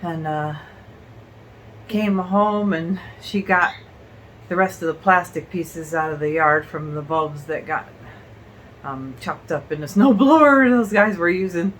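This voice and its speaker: A woman's voice: fairly low pitch, slight background noise, rough recording. A woman vlogging at home in a casual chat, short of breath from illness and rambling with fillers. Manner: rambling, halting with fillers and laughs.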